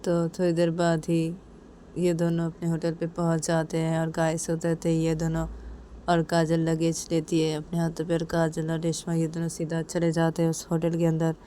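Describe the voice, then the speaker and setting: A woman's voice: low-pitched, monotone, moderate pace, warm tone, a little hiss or hum. A woman narrating a romance story in a casual, repetitive storytelling manner. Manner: simple, repetitive phrasing with many linking 'then's.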